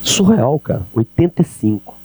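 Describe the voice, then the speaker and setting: A middle-aged Brazilian man giving an energetic business lecture on sales, talking straight to the audience with rhetorical questions. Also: fairly high pitch, moderate pace, husky. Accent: Brazilian Portuguese. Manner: animated, addresses audience directly with rhetorical questions. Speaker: keynote speaker on sales. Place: event hall.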